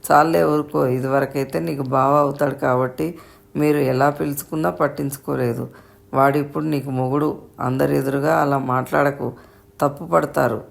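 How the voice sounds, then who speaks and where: A woman voicing a strong-willed, pampered young daughter in a read-aloud story, sulky and teasing, with a flat, creaky voice. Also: extremely low pitch, moderate pace, heavily acted. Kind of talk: storybook narration.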